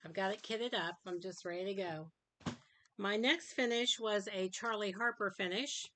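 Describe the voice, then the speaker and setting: A middle-aged craft vlogger chats casually in her home craft room, doing a rambling show-and-tell full of ums and uhs. Her mid-range voice moves at normal speed with a sharp tone and sounds dry after a sinus infection. There's slight background noise.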